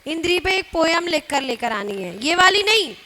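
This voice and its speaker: A woman teacher in a classroom, leading children in a slow sing-song recitation and urging them to speak up. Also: extremely high pitch, sing-song, sharp tone.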